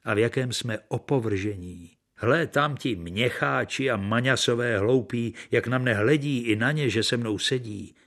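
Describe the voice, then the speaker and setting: A man's voice: mid-range voice, fairly bright tone, close to an everyday voice. A man reading the part of a bitter, worn-out actor, brooding and earnest, in an audiobook. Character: bitter, worn-out middle-aged male stage actor.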